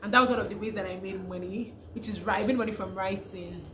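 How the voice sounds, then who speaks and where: Here a young Nigerian vlogger and freelancer, accent clearly Nigerian, chats to camera in a mid-range, fairly bright voice with fairly even intonation and a quick pace. She restarts often and laughs through her stories over slight background noise.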